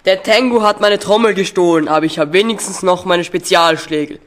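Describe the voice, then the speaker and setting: A man's voice: high voice, a little fast, a bit bright, voice pushed up. A man doing a grumbling thunder god. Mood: aggrieved.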